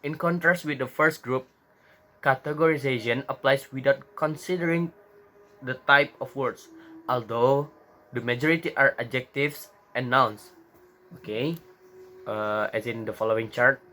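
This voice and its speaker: A young man presenting a lesson from slides, talking slowly and haltingly with many fillers and restarts, mixing English terms into his explanations. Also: medium pitch, pushed and bright, slight background noise. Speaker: student presenter.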